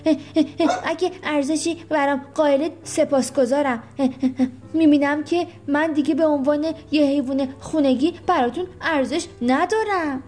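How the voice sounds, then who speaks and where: A woman's voice: high voice, hardly any pauses, darkish tone, pitched above the performer's own voice, lightly acted. A woman voicing a cheeky, know-it-all pet animal who takes offence easily. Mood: sulky.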